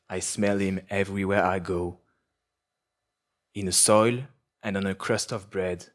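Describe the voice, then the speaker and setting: A man with a fairly low voice reads his own literary prose in a measured, poetic cadence. When he answers questions afterward, he turns halting and restarts his sentences. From France. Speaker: author. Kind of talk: literary reading and interview answers.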